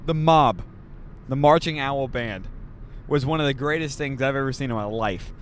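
A male podcast host rambles and jokes through a casual chat at normal speed in a mid-range voice. It was recorded in a moving car on a handheld mic that gets passed around, so road noise is audible.

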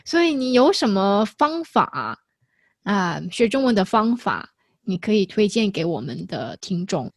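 A woman's voice: medium pitch, sing-song, measured pace, no echo. Young woman hosting a chat, dry sound. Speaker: interviewer, host. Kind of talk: casual conversational interview.

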